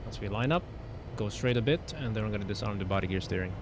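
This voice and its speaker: Low-voiced man flying over engine noise. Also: fast talker. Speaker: flight simulator streamer acting as pilot. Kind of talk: casual cockpit commentary and radio calls. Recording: loud vehicle-like engine noise.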